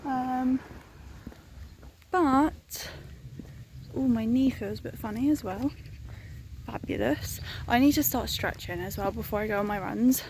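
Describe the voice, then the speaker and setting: A young woman chatting casually and excitably in a vlog, peppering her talk with informal filler. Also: fairly high pitch, a little slow, pauses often, a little hiss or hum. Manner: excitable and informal, frequent "like" and "oh my God". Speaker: vlogger.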